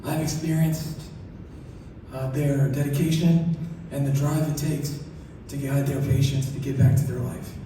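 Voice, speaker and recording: A soft-spoken man giving an acceptance speech, his articulation slurred as if one side of his mouth is numb. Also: a little high, flat delivery, unhurried. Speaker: award recipient. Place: large hall through PA. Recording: echoey hall, distant, noisy ambience.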